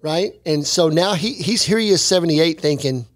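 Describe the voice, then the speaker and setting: A man in his forties co-hosting a church podcast, talking in an earnest, encouraging way on a close boom mic in a small studio. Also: normal speed, no echo. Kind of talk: casual chat. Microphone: boom mic close to mouth.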